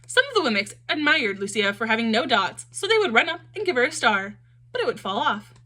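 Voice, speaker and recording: Animated woman reading a children's story. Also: on the high side, brisk. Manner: expressive, animated.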